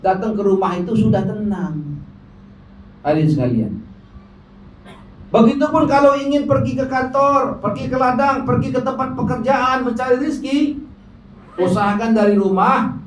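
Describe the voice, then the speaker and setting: High-voiced preacher in an echoey hall. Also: male voice, moderate pace, long pauses. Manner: colloquial, often addresses the crowd as ladies and gentlemen. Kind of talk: sermon. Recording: echoey hall, distant mic, faint noise.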